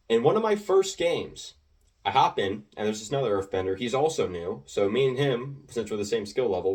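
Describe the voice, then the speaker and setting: A teenage boy telling a rambling, animated story about playing an online game, with lots of filler words and restarts. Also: fairly low pitch, distant mic. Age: teens. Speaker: gaming video creator. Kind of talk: casual storytelling commentary.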